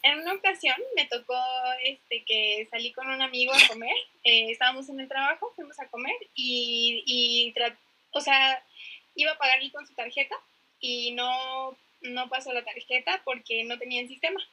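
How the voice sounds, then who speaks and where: A woman chatting on a faith podcast, expressive and friendly as she shares a personal anecdote. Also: sits high, moderate pace, poor audio. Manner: chatty, expressive, laughs easily. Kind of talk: casual faith-based podcast talk.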